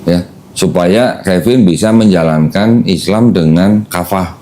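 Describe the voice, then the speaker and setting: A man's voice: sits low, measured pace, warm tone, slight background noise. A man hosting a casual podcast chat, patiently explaining things step by step to a new convert. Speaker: host explaining Islam to a convert.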